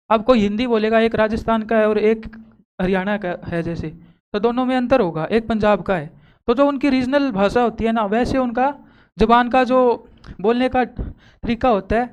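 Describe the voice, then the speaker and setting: Woman teacher in a classroom, smooth voice, keeps asking the kids questions and repeating words slow. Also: fairly high pitch. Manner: quizzes the class and repeats key terms slowly. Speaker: school teacher. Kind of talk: classroom lesson. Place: school classroom.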